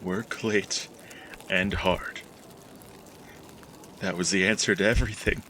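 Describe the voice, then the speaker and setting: A man playing a haunted, regretful figure who broods haltingly in a melodramatic retro radio drama monologue. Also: low voice, steady tone, pushed and bright, slight background noise, full character voice. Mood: bitter, brooding. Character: haunted, regretful man brooding over his failed plan.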